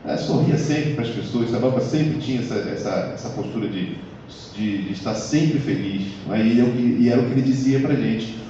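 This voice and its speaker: A man's voice: mid-range voice, fairly quick, warm tone, a little hiss or hum. Man, live lecture, conversational with tag questions, distant from the mic, very echoey hall, dull recording. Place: lecture hall of a community center.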